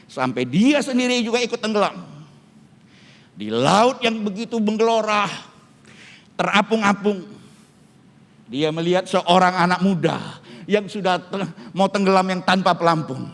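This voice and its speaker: A man's voice: sits high, expressive, measured pace, gravelly, long pauses, fairly bright tone. A middle-aged man, a pastor, preaching a sermon and telling a story to his congregation. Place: church hall. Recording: long church hall reverb.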